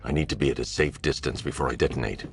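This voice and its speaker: An actor playing a grim masked vigilante who speaks in curt, commanding orders for a video game. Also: male voice, fast talker, slight background noise. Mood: stern. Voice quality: deep and gravelly. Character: grim masked vigilante, stern adult man. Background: game music score.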